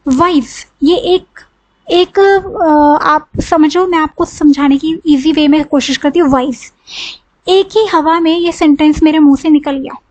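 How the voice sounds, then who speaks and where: A woman's voice: high-pitched, steady tone, unhurried, darkish tone. A woman with an Indian accent teaching a grammar lesson, asking questions and answering them herself step by step. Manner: explains step by step, asks and answers her own questions, says "ठीक है" often.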